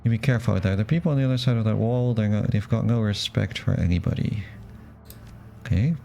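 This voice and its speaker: A man's voice: fairly low pitch, quick pace, vocal fry, dark tone, soft background music. A man voicing a blunt, sardonic female street food vendor in a game. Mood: warning.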